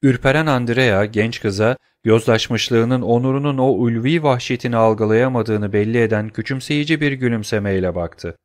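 A man narrating an audiobook in a steady, measured reading voice on a close mic. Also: mid-range voice. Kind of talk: scripted narration.

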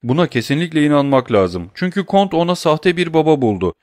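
A man doing a sly, cowardly thief for an audiobook, his voice lifted and pushed louder. He whines and pleads in a quick, nervous rush. The recording is dry and close. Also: a little high, very animated, dry recording, voice pushed up. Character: cowardly scheming middle-aged male thief, pleading. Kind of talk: audiobook character voice.

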